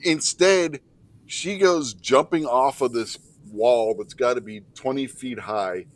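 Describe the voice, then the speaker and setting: A man hosting a show with casual film commentary in an animated, sweary, mocking manner. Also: mid-range voice, slow pace. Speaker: show host.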